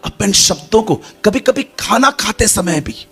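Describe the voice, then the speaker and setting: High-voiced man preaching a lively sermon. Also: unhurried, breathy edge, soft background music. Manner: lively, acts out dialogue, addresses congregation.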